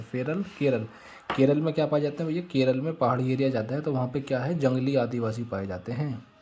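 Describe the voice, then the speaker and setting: A man's voice: mid-range voice, warm tone, a little hiss or hum. A man teaching vocabulary in a casual explanatory lesson, repeating words over and over as he drills rhyming memory tricks.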